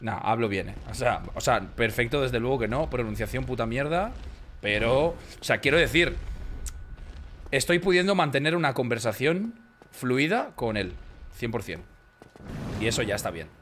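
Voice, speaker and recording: A man's voice: medium pitch, expressive, normal speed, fairly bright tone, slight background noise. A man from Spain streaming a game, rambling casually to his chat in a Spain Spanish accent, swearing freely and joking around.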